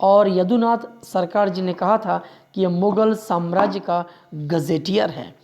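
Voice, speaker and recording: A man's voice: high-pitched, unhurried, a little mellow. A male history teacher runs an exam-prep lecture. He drills each fact by saying it again and again. He keeps pressing his listeners to remember every point and stops now and then to correct himself. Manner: drills facts by repeating them; corrects himself mid-sentence.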